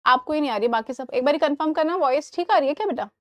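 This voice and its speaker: A woman English teacher giving a live online class, explaining in Hindi and reading English examples slowly, often checking that students follow. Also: sits high, expressive, no echo. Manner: asks students questions and checks understanding.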